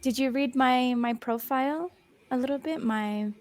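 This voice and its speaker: Her voice sits high but has a darkish tone: a young Australian woman running a one-on-one English lesson over video call. She's encouraging and patient, slowing and rephrasing, with plenty of um fillers.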